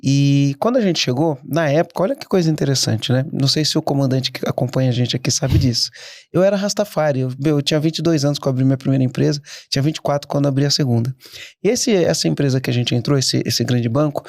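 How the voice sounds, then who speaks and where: A middle-aged man, a guest entrepreneur telling stories in a casual interview, animated and quick to restart his sentences. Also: mid-range voice, no echo, clean studio sound. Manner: animated, anecdotal, frequent restarts.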